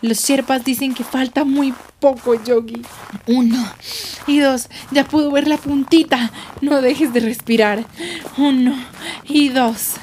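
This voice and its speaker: A woman telling a guided yoga adventure story for children, leading breaths and moving between hushed whispers and excited cheers. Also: high-pitched, takes it slowly, a little hiss or hum.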